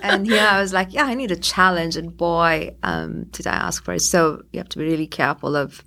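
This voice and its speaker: A woman's voice: lowish voice, expressive, brisk, creaky, pushed and bright. A woman in her forties, originally from Sri Lanka, telling her career story as an interview guest in a chatty way with many fillers. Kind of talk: conversational interview.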